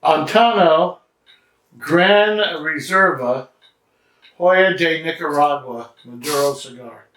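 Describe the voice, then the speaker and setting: A man giving a casual, halting review with many fillers, recorded indoors in a study with a strong room echo. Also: on the high side, a bit bright. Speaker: cigar and drink reviewer. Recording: echoey room, mic at a distance.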